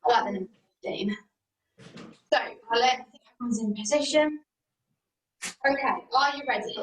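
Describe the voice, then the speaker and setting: A woman with a fairly high voice instructs an exercise class over a video call. Her manner is informal and encouraging. She sounds some distance from the microphone in a very roomy space. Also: normal speed. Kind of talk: leading an online group exercise class. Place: indoor room, video call. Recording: roomy echo, far from the mic.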